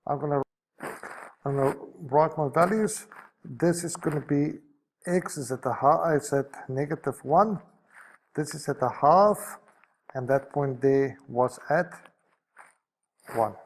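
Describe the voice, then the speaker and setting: Gravelly-voiced man teaching maths. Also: a little high, takes it slowly, pauses often. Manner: talks through each step, with self-corrections. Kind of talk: recorded maths lesson.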